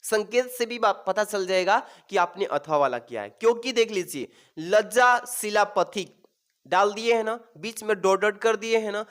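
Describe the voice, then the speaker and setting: A man's voice: high-pitched, moderate pace, hardly any pauses, fairly bright tone, clean tone. A man teaching an exam-prep lesson, calling his students "babu" and repeating each question to reassure them.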